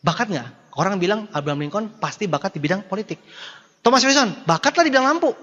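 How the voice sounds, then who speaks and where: A man giving a jokey, animated motivational seminar talk, swinging between loud bursts and low murmurs. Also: quick pace, lo-fi sound. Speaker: motivational speaker. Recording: long hall reverb.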